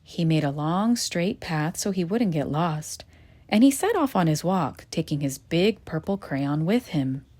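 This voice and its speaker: A woman reading a children's picture book aloud in a gentle, expressive storytelling manner. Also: sits low, a little slow. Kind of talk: children's read-aloud narration.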